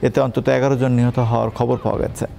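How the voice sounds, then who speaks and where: A man reading a scripted news bulletin as presenter, in a brisk, formal delivery. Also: medium pitch, flat delivery, gravelly, dark tone, slight background noise.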